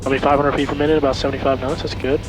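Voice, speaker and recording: A man working as a flight instructor, giving calm, reassuring step-by-step instructions over a cockpit headset intercom, often repeating short commands. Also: mid-range voice, very fast, music in the background, poor audio. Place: small plane cockpit in flight. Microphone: aviation headset intercom.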